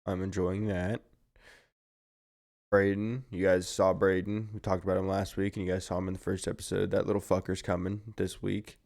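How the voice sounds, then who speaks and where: A tired young podcast co-host with a low, gravelly, darkish voice chats at a moderate pace with flat delivery. He's laid-back, yawning, rambling and swearing heavily throughout the casual conversation.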